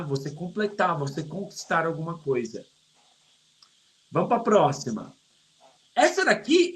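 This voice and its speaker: A middle-aged man with a Brazilian Portuguese accent, teaching English in an online lesson, joking and stretching English words out slowly to show their pronunciation. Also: high voice, a bit bright, low-quality recording.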